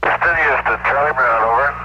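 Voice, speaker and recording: A man speaking over a radio transmission from a spacecraft, calling mission control in calm, clipped radio procedure and repeating call signs. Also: medium pitch, a little fast, lo-fi sound. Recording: noisy archival space radio.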